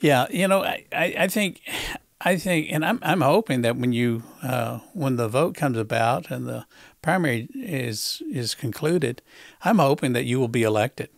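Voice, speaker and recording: A male talk show host, interviewing in a halting way, repeating words and filling pauses with uh. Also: mid-range voice, lively intonation, vocal fry, dry recording, clean studio sound. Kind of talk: conversational political interview.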